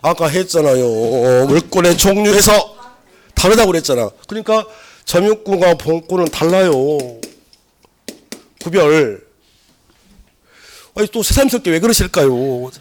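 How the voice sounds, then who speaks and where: Male lecturer, higher voice, loud and animated, quizzes the class, a touch hoarse from a cold. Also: moderate pace. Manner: lively, loud, asks the class questions. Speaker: civil law lecturer. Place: lecture room.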